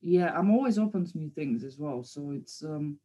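A woman's voice: sits low, animated, moderate pace, dark tone, slightly rough. A woman in her thirties from Bulgaria, talking casually about her art in an interview, hesitant, with many fillers and restarts. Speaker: guest artist.

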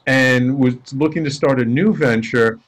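A man's voice: medium pitch, measured pace. A man who works as a life coach, telling stories as a guest in a casual interview and acting out the dialogue in them. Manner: animated storyteller acting out quoted dialogue.

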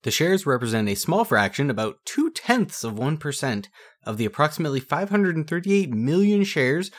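A man with a very lively, swooping voice co-hosts a casual podcast. He reads news clippings with a joking edge and swears casually. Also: on the high side, moderate pace. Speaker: podcast co-host. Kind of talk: casual chat reading old news.

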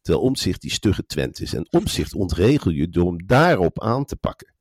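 A very low-voiced man co-hosting a podcast, chatting animatedly and gossiping about politics. He acts out other people's lines as he goes. The sound is dry and close. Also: sing-song, moderate pace, darkish tone, breathy edge, dry recording. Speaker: podcast co-host. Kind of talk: casual political chat.

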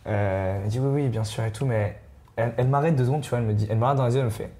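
A man's voice: mid-range voice, racing, warm tone. A young man telling a story in casual, slangy talk, full of fillers and tags. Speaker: player.

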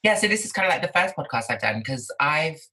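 A woman speaks as a podcast guest over a video call. Her voice is bright and forward. She talks candidly in a loose, chatty way, full of "like" fillers. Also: deep voice, sing-song, fast talker, low-quality recording. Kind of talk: casual conversation.

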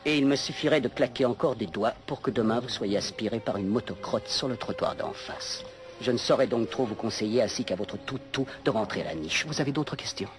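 A man's voice: mid-range voice, fairly quick, close to an everyday voice. An actor dubbing a smug, menacing man who threatens with his obedient guard dogs, in a French film dub. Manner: sneering, threatening. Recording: film clip over loud music.

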